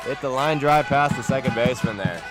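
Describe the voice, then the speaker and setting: A man calling live play-by-play, his voice climbing sharply in pitch and volume on big plays. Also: brisk. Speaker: play-by-play commentator. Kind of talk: live sports commentary. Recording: live broadcast with loud music and crowd behind.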